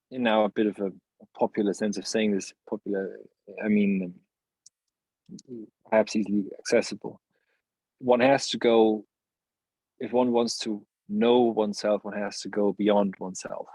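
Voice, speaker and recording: Husky, halting male philosopher guest. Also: fairly low pitch, darkish tone, no room sound, rough recording. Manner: searching, halting phrasing with many restarts and laughs. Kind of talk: reflective interview conversation.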